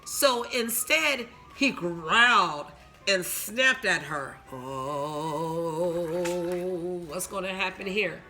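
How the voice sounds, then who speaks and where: Woman storyteller, slow and animated, bright voice, reads aloud with chatty asides. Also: on the low side, soft background music. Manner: expressive, chatty asides to listeners; gives moral advice to teens. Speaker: storyteller reading to young listeners. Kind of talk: reading a picture book aloud with asides.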